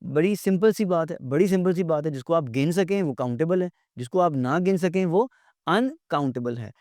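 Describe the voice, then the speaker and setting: A man giving a recorded grammar lecture, explaining in Urdu-Hindi and reading English definitions slowly and deliberately, often correcting pronunciation. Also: on the high side, darkish tone, no echo, studio quality. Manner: corrects pronunciation by repeating words.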